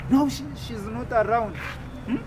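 A man's voice: extremely high pitch, slow. A man playing a stubborn, grumbling husband in a comedy skit, with a Ugandan accent, full of incredulous questions and exclamatory grunts. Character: stubborn, ignorant, grumbling husband of pregnant wife. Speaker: comedy actor. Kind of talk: improvised African comedy skit. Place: outdoors in a house garden. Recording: noisy outdoor sound, vehicle hum.

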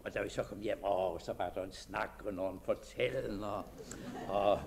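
A man giving a dramatic first-person reading of a diary, talking in a shy, hesitant and dreamy manner that sinks very soft in tender passages. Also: on the low side, fairly even intonation, gravelly, a little hiss or hum. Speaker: narrator.

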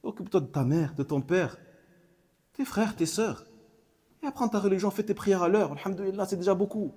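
A man's voice: sits high, fairly quick, darkish tone, slightly rough. A man giving a religious lesson, repeating key phrases for emphasis and mixing in short Arabic phrases. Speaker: Islamic teacher. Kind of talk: religious lesson commenting on a hadith text.

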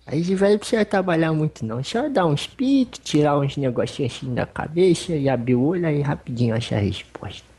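A medium voicing an old male spirit elder with a Brazilian accent, speaking in a husky, folksy, rambling way during a religious consultation. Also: medium pitch, expressive, fairly quick, hardly any pauses, darkish tone. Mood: fatherly. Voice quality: husky, rambling, folksy speech with fond asides.

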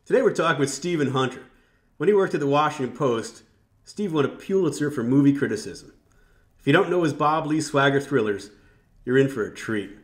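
A man hosts an interview, opening with a scripted introduction before asking his guest measured questions. His voice sits at an ordinary middle pitch. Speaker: interviewer and host.

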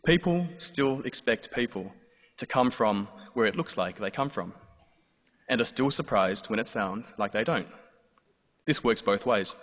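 Speaking to a live audience in a large hall, an Australian man in his thirties tells a funny story about his own life with dry, wry humor. His voice sits fairly low and sounds animated and fairly bright, with a slightly slow delivery. The live hall recording has long reverb and faint noise.

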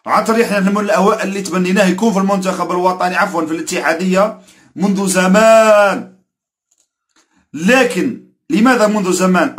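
Emphatic high-voiced Algerian man. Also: a bit bright. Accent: Algerian Arabic. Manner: emphatic, repetitive, indignant warnings. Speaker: football commentator. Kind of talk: opinion rant to camera.

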